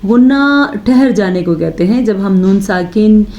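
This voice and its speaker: A woman teaching Quran recitation, who explains step by step, points out common mistakes and recites phrases slowly with long held sounds. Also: mid-range voice, animated, a little mellow, highs cut off. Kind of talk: slow step-by-step recitation lesson.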